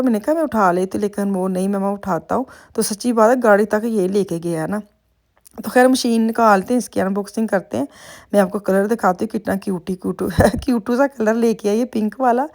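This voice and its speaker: Middle-aged woman, Punjabi accent, mid-pitched voice, rambling and homely vlog narration. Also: a little mellow. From Pakistan. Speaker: vlogger. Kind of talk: casual vlog voice-over.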